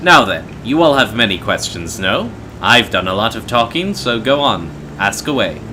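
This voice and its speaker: A man reading a video game's dialogue as a learned mentor, formal, rhetorical, measured and persuasive. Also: fairly low pitch, very animated, background noise.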